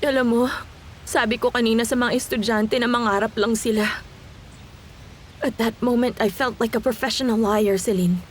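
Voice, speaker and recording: A woman's voice: a little high, fairly even intonation, normal speed, slight background noise, close to an everyday voice. An actress dubbing a distraught, fed-up young woman who switches between Tagalog and English. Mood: despairing. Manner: emotional, mixing Tagalog with English. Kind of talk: Tagalog drama dub.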